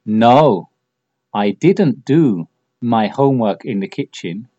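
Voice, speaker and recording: Patient male teacher, slow and lively. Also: medium pitch, no echo. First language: Spanish. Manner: slow, patient drilling with repeated examples. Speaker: English teacher. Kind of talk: bilingual language lesson. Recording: dull lo-fi audio.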